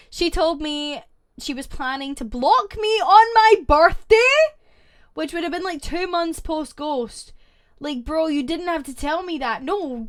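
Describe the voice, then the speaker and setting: A woman with a high-pitched, slightly bright voice streams casually, reading online stories aloud. She reacts to her chat with quick asides between posts.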